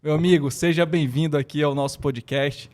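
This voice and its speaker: A man's voice: on the high side, fairly even intonation, fairly quick, darkish tone. A Brazilian man hosting a podcast, introducing and questioning his guest in a friendly, enthusiastic way. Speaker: podcast host. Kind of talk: casual podcast interview.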